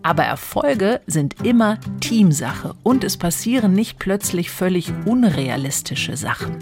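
A woman reading a scripted book review in a calm, even way. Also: medium pitch, measured pace. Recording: guitar music under the voice.

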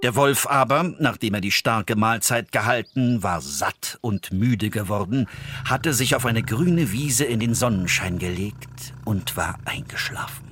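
A man narrating a fairy tale in an expressive storytelling voice that sinks low and soft at tense moments. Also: measured pace, breathy edge.

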